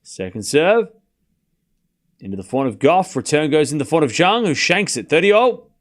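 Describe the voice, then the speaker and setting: With a fairly high, very animated voice at a moderate pace, an Australian man casually calls live tennis. He's boastful and teasing, addressing his chat head-on.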